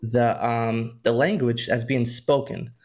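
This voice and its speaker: A man's voice: medium pitch, steady tone, takes it slowly, darkish tone. A young man co-hosting a casual podcast chat, laughing often and filling his talk with "like.". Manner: laughs often, chatty with frequent "like" fillers. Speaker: podcast co-host.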